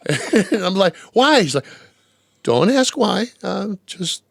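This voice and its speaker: Gravelly ex-dj guy telling stories in a studio, super animated, doing little voices, dry mic. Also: sits high, slow pace, dry recording. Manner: animated, acts out voices in anecdotes, laughs often. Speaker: former radio DJ, interview guest. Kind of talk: storytelling interview. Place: radio studio.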